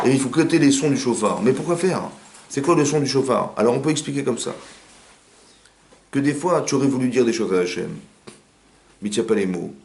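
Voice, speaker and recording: Speaking quickly and animatedly, a rabbi teaches Torah informally in someone's living room and keeps posing rhetorical questions to those listening. His pitch is medium, captured in a spacious home recording.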